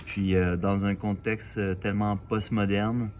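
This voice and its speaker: A man from Quebec with a Quebec French accent, musing aloud in a casual vlog, halting and full of fillers, outdoors in a city alley. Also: on the low side, flat delivery, darkish tone, slight background noise. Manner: thoughtful, halting, with many fillers and restarts. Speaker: vlogger. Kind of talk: casual reflective monologue.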